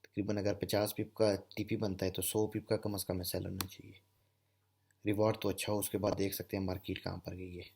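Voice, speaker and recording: Over a screen-shared trading lesson, a Pakistani instructor explains candlestick chart patterns step by step in a low, level, creaky and slightly mellow voice, speaking fairly quickly against slight background noise. He keeps checking in with "okay" and often repeats "theek hai."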